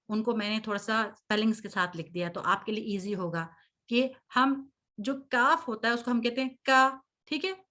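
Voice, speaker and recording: A woman's voice: on the high side, a bit bright. A woman teaching Quran recitation, patiently correcting students and drawing out each sound as she models it. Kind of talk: online recitation lesson.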